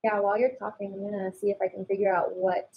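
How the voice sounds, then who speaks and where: A woman's voice: mid-range voice, level tone, quick pace, breathy edge, lo-fi sound. A woman hosting a casual fashion color chat, upbeat and explaining things to viewers. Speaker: color analyst host.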